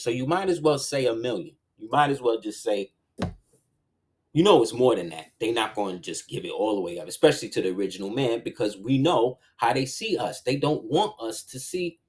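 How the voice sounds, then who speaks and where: A man talking in a casual monologue, animated, swinging between low murmurs and loud laughing outbursts. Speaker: host.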